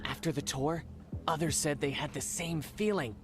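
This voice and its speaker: An actress playing a young student, forgetful and uneasy, in scripted game dialogue. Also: female voice, low voice, moderate pace, music in the background, close to an everyday voice.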